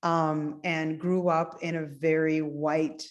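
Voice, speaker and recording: A woman's voice: sits low, little pitch movement, takes it slowly, muffled recording. A woman in her forties, from Cuba and raised in New Jersey, chatting as an optometrist guest with lots of "you know" fillers. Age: 40s. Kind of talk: casual interview.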